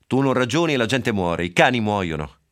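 A man reading aloud, voicing an angry young father who scolds in a bitter, forceful tone. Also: on the low side, animated, fairly quick. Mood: scolding.

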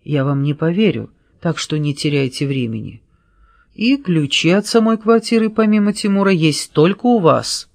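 A reader doing a pushy, sarcastic detective. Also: male voice, fairly high pitch, expressive, normal speed, vocal fry, dry recording. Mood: pressing. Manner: pressing, sarcastic interrogating. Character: pushy, sharp-witted male private detective.

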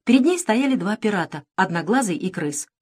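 Woman narrator, children's audiobook, expressive, lively intonation, medium pitch. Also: fairly quick, slightly rough. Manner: expressive, storytelling.

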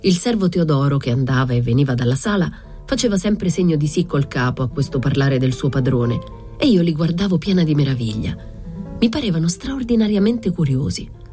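Low husky woman reading a novel. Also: dark tone, dry recording. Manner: measured, reflective. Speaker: audiobook reader. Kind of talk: literary audiobook narration.

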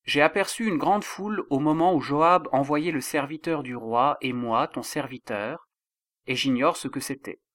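A man's voice: fairly high pitch, moderate pace, fairly bright tone, dry recording, close to an everyday voice. A man voicing an eager young male messenger who pleads to run with the news.

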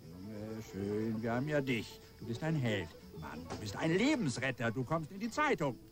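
An actor playing a pushy, excitable newspaper reporter in a radio drama. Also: male voice, mid-range voice, moderate pace, music in the background, lightly acted. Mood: coaxing.

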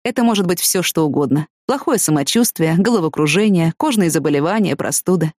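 A woman's voice: on the low side, brisk, no echo, clean studio sound. A woman reading a blunt young man. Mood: matter-of-fact. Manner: flat, matter-of-fact. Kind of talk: audiobook reading.

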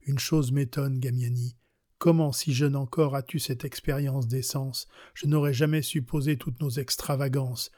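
A man's voice: mid-range voice, fairly even intonation, normal speed, mellow, no room sound, clean studio sound, natural voice. A man reading as an innocent, curious young woman in an audiobook of a classic novel, asking questions in a wondering tone.

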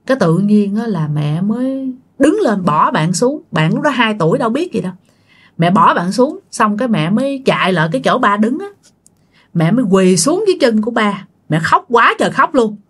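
A woman's voice: medium pitch, very animated, moderate pace, breathy edge. A woman telling a ghost story in a chatty way, addressing her listeners directly. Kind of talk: spoken ghost-story narration.

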